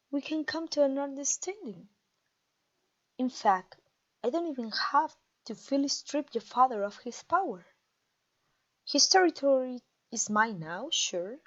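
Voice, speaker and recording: In a theatrical ASMR roleplay, a female voice actor plays a conquering vampire queen, haughty and mocking as she toys with her captive. Her voice is fairly high, and she draws out each phrase pompously and teasingly. The sound is slightly dull and lo-fi.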